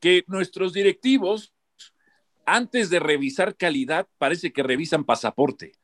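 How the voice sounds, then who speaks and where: A man's voice: on the high side, a little slow, a bit bright. A man giving heated, emphatic football commentary on a panel, often repeating himself as he argues. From born outside Mexico. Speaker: football pundit.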